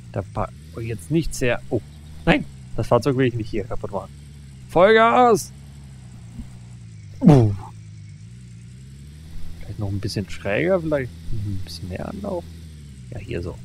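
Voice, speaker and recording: A man talks through his game in a casual running commentary, bursting into excited exclamations as things go wrong or right. His voice is gravelly and his pitch swings about animatedly. A faint hiss of noise sits under the recording. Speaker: let's play host.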